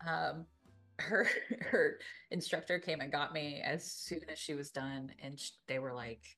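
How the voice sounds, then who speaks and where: Low-voiced woman telling a lively story. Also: a little slow, faint music behind. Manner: animated storyteller, acts out quotes. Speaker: guest co-host. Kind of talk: casual podcast chat.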